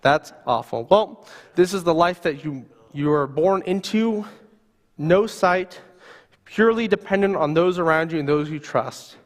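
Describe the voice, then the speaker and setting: Higher-voiced man preaching in a hall. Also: expressive, measured pace. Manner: vivid second-person storytelling. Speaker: pastor. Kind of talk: sermon.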